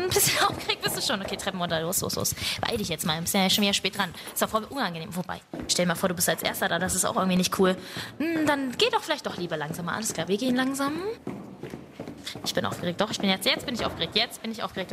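Lively young woman, bright voice, self-mocking comic storyteller, nervous inner chatter. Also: medium pitch, slight background noise. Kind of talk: comedic first-person story with inner monologue.

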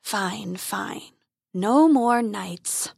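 A woman voicing a huge, grumpy male dragon who booms, then grumbles and sulks. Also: gravelly, a little mellow, slightly rough, exaggerated voice. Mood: sulky. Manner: booming, slow and grumbling.

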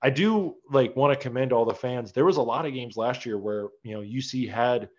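A man's voice: medium pitch, a little fast. A young man hosting a casual sports chat, rambling loosely with lots of fillers. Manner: laid-back, filler-heavy rambling. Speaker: podcast host. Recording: slightly dull lo-fi audio.

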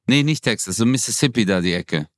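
A man's voice: on the low side, lively intonation, a little fast, no room sound, studio quality. A man co-hosting a podcast in casual chat, joking around and slipping into mock English voices. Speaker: podcast co-host.

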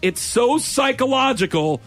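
A man with a St. Louis accent telling a casual personal story as a talk show host, acting out the dialogue in an animated way. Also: very high voice, a little slow, creaky, soft background music.

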